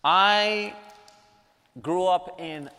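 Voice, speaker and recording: Very slow, pushed and bright, a high male voice preaches a sermon with prayer; the speaker is from Guyana. He teaches a lesson with emphasis, repeating key lines, and the large hall adds long reverb.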